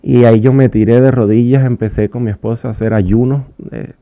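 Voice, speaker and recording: Brief: young man, radio guest sharing his testimony, low gravelly tone, dry studio sound, heartfelt with halting restarts. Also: steady tone, warm tone, no room sound. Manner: earnest and emotional, with halting restarts.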